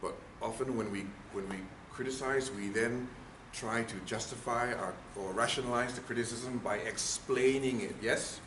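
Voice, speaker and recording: A speaking trainer delivers a workshop lecture in a mid-range, steady voice at normal speed with few pauses. He is emphatic and keeps posing questions to the room. The recording has an echoey room and faint noise.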